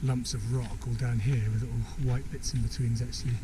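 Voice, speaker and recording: A man's voice: mid-range voice, flat delivery, brisk. A man narrating his mountain trek in a casual, upbeat vlog, thinking aloud as he walks. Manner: chatty, upbeat, thinks aloud while hiking. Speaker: trekker filming his trek. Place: outdoors on a high mountain trail. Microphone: handheld camera. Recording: outdoor camera mic with clear wind and ambient noise. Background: mountain ambience, helicopters.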